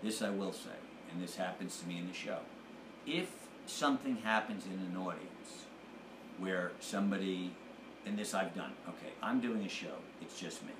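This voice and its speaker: A man, a comedian guest, chatting in an interview and telling unhurried stories, sometimes acting out what others said. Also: deep voice. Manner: unhurried storyteller who acts out quotes. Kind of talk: casual interview chat. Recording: echoey room with background noise.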